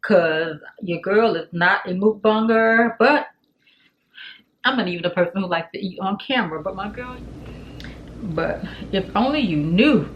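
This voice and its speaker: A woman chatting casually to camera in a food vlog, animated and talking straight to her viewers, a little out of breath. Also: mid-range voice, unhurried, muffled recording, a little hiss or hum. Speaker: food vlogger. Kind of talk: casual mukbang chat to camera. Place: home.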